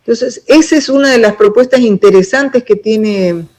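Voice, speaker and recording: A woman's voice: a little high, moderate pace, a little mellow, low-quality recording. An emphatic woman speaks as a political pre-candidate in a casual interview. She talks at length, building each explanation point by point with conviction.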